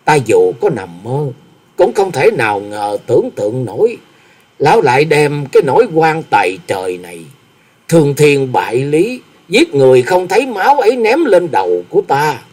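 Brief: male narrator doing a tearful, accusing wife in an audiobook, raised husky voice, slow, drawn-out lament. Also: a little high, big pitch swings, mellow. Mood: bitter lament. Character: distraught wronged middle-aged wife, bitter and indignant.

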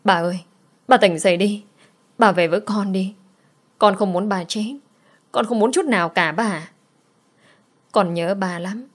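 A woman's voice: mid-range voice, unhurried, long pauses, natural voice. A woman voicing a sad young girl who pleads tearfully with her mother. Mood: pleading.

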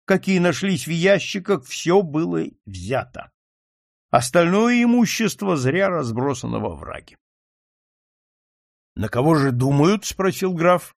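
A man reading a classic novel aloud as an audiobook, with expressive storytelling. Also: fairly high pitch, a little slow, vocal fry, no room sound, studio quality. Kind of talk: audiobook narration.

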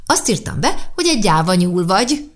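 A woman voicing an eager, bubbly little girl in an audiobook, with a high, bouncy voice. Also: sing-song. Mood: teasing.

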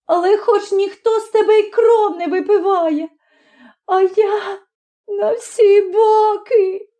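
Woman doing a young peasant woman, shrill, tearful, very high-pitched, sobbing, audiobook character. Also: steady tone, slow, warm tone. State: crying.

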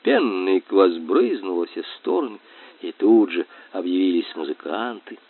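A man narrating a children's story in an expressive, lively reading voice. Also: deep voice, unhurried, no echo. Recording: tinny dry phone-like sound.

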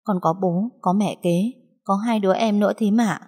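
A woman's voice: mid-range voice, steady tone, moderate pace, a little mellow, natural voice. A woman voicing a frightened sixteen-year-old girl who stammers through her tears, in a storybook reading. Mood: tearful pleading. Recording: long hall reverb.

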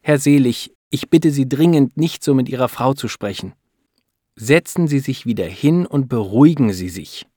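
A man's voice: medium pitch, moderate pace, a little mellow, no room sound, pitched above the performer's own voice, close to an everyday voice. Earnest woman doctor in a storybook reading, a man raising his voice for her, serious and careful, dry close sound. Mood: firm. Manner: earnest, hesitant when delivering bad news. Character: serious middle-aged female lab doctor.

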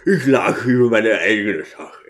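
An excitable, big-hearted deacon who can't keep quiet , played by a man reading the book. He blurts out eager questions, and his delivery is slow and drawn out. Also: lowish voice. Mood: sheepish. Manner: eager, impulsive outbursts.

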